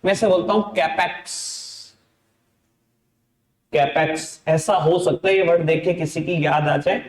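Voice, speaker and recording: A man teaching accounting, in a playful, teasing voice that sits high for a man. He talks straight to his students and scolds them in jest. The sound carries a noticeable echo from the room. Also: brisk. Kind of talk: online class lecture.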